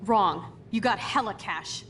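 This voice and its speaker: A woman's voice: medium pitch, slow pace, a bit bright, faint music behind. An actress playing a brash, defiant young punk woman, slangy and confrontational, in a dramatic video game scene. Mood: cocky. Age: young adult. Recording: clear background noise with clicks.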